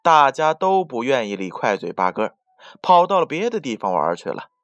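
A man narrating a children's bedtime story, speaking gently and directly to the little listeners. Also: medium pitch, very animated, normal speed, no room sound, highs cut off.

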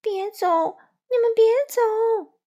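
A woman voicing a stubborn, bratty little boy crow who shouts and sulks in a shrill voice. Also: normal speed, close to an everyday voice. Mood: defiant shouting.

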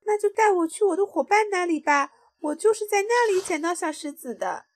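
A woman voicing a young rainbow fish in a children's storybook, bright and eager. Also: very high-pitched, animated, a little fast, dry recording, clean studio sound.

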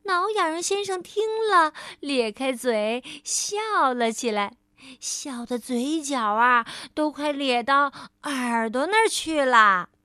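Woman storyteller, high voice, very slow, gentle, reading a picture book to a child, dry close sound. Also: lively intonation, dry recording. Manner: gentle, addresses the listener as darling.

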